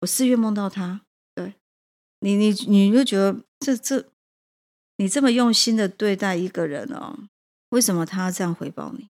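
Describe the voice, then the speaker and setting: A woman's voice: mid-range voice, normal speed, darkish tone. A woman, a prison teacher and café owner, telling a personal story with emotion and hesitant restarts.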